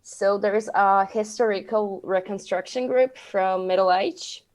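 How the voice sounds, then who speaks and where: A woman from Poland with a Polish accent, chatting casually on a podcast in slightly halting non-native phrasing. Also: medium pitch, a little mellow. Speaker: podcast co-host. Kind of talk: casual chat.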